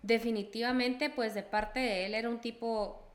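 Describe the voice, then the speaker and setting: A woman's voice: a little high, fairly even intonation, moderate pace, slight background noise. A woman, co-hosting a podcast and asking a guest thoughtful questions while searching for words. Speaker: podcast co-host. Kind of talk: casual interview questions.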